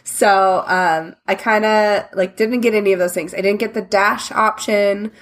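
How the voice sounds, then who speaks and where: A woman's voice: mid-range voice, fairly even intonation, measured pace. A woman chatting casually about video games, playful and giggly, with silly nicknames for things.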